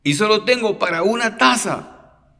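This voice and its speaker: A man's voice: high voice, animated, measured pace, creaky, bright, forceful tone, pitched above the performer's own voice, full character voice. A man, a priest, voicing a poor woman who pleads that she can barely afford coffee. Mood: pleading. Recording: long reverb of a large hall.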